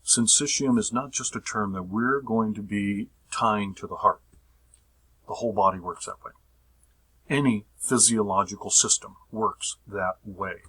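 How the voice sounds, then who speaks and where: Husky-voiced man lecturing on physiology. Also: on the low side, pushed and bright, poor audio. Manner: repetitive, checks understanding with the audience; stretches out key terms slowly. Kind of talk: recorded lecture.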